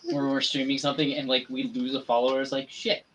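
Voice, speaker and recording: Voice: medium pitch, flat delivery, quick pace, background noise. A livestream co-host chatting casually, joking and self-deprecating, with casual swearing.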